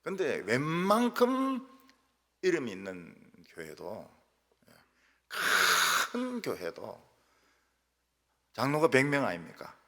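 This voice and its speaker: A male pastor from Daegu, preaching a sermon as lively storytelling, with sudden loud jumps and quiet asides. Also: medium pitch, takes it slowly, long pauses. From Daegu, South Korea. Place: church sanctuary. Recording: church hall reverb.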